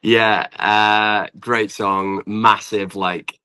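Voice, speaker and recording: Very slowly and with little pitch movement, a young British man speaks in a low, pushed, bright yet smooth voice. As a musician guest in a relaxed podcast chat, he's gushing and casual, hesitating frequently with "like" as filler.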